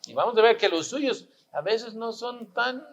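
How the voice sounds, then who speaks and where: High-voiced man preaching slowly. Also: lively intonation, muffled recording, slight background noise. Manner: preaching with rhetorical questions, emphatic repetition. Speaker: pastor. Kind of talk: sermon.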